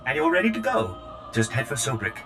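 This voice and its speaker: A too-smooth android servant. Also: male voice, fairly low pitch, big pitch swings, a little fast, over music. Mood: brisk. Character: prim, fussy male servant droid, smooth-voiced. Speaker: game character. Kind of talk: video game voice acting.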